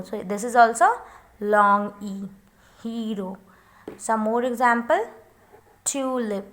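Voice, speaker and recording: A woman teaching phonics, mixing Hindi and English and sounding out each word slowly. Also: on the high side, a bit bright. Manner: switches between Hindi and English, slow drawn-out sounding of words. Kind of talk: home-recorded phonics lesson.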